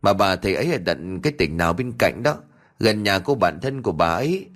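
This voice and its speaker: A man's voice: low voice, very animated, brisk, a bit bright, full character voice. A man playing a stern old village man. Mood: gruff.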